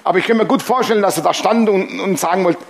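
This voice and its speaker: High-voiced preacher with lively humor. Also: male voice, fast talker, creaky. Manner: lively, humorous, emphatic preaching with frequent "Amen". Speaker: pastor. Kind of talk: sermon.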